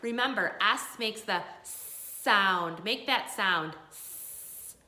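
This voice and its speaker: A woman teaching young children like a kids show host, encouraging and sing-song, pausing for them to answer. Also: medium pitch, pushed and bright, echoey room. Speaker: early grade school teacher leading a remote morning class. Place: indoors at a school.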